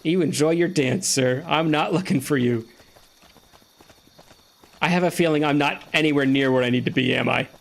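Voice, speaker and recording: A man's voice: on the high side, moderate pace, gravelly, long pauses. A man giving casual, joking let's-play commentary while chatting with a friend. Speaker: gaming streamer.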